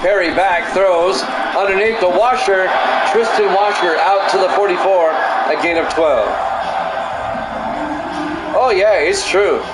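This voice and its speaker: Middle-aged male announcer with a somewhat high voice, calling plays in an even, matter-of-fact way; echoey, noisy home recording. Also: loud music behind the voice, over a noisy crowd. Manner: measured, matter-of-fact play calling with casual asides. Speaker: play-by-play announcer and stream host. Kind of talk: simulated football play-by-play commentary. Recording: echoey room with steady background noise.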